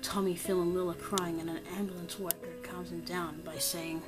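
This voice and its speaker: A woman with a fairly low voice reads a creepypasta horror tale in a steady scripted tone. Her voice goes hushed and slow for the grim parts, over clear background music. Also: rough recording. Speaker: creepypasta narrator. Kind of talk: scripted horror story narration.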